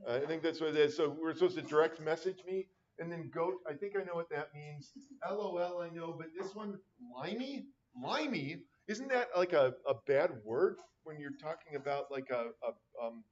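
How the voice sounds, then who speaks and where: A man's voice: on the high side, darkish tone. A middle-aged man teaching a math class, chatting casually with wry, rambling asides. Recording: dull lo-fi classroom recording.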